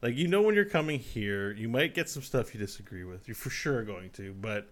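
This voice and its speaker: A man's voice: lowish voice, lively intonation, brisk, fairly bright tone. A man co-hosting a casual podcast over a remote call, rambling and laughing often. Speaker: podcast co-host.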